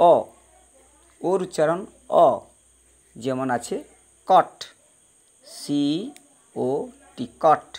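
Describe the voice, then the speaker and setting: A male teacher giving a pronunciation lesson, slowly spelling out words and patiently repeating each sound for his students. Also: a little high, darkish tone. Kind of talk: spoken English pronunciation lesson.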